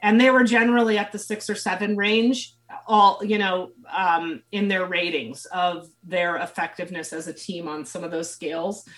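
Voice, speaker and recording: A woman's voice: on the low side, steady tone, normal speed, fairly bright tone. A woman consultant answering interview questions in an earnest, thinking-aloud way, full of fillers and restarts, while she is losing her voice. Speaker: leadership and team consultant, guest.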